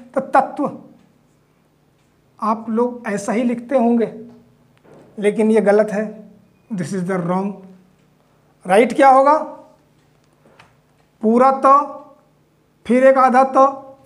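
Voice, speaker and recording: A man's voice: sits high, a little mellow. Explanatory male Hindi spelling teacher. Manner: explanatory, checks in with "theek", mixes in English phrases. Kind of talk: online Hindi spelling lesson.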